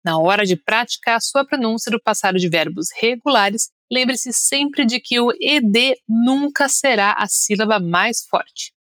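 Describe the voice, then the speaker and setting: A woman's voice: fairly high pitch, measured pace, hardly any pauses, a bit bright, dry recording, clean studio sound. A young woman from Brazil with a Brazilian Portuguese accent, an upbeat pronunciation teacher on a podcast, leading listeners through drills. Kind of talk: podcast lesson.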